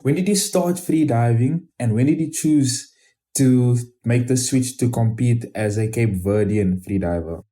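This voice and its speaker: A man's voice: mid-range voice, a little slow, warm tone. A man hosting an interview podcast, speaking politely and a little formally as he welcomes his guest. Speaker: podcast host.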